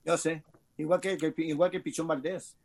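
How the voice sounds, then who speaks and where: A man's voice: fairly high pitch, steady tone, moderate pace. A man with a Mexican accent, a guest speaking hesitantly with many fillers. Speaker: guest, former boxer. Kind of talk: casual interview chat.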